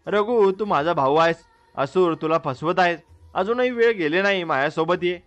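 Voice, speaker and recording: A man's voice: high voice, normal speed, fairly bright tone, highs cut off. A man playing a brave young village hero in a storybook tale, speaking in a firm, resolute voice. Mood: pleading.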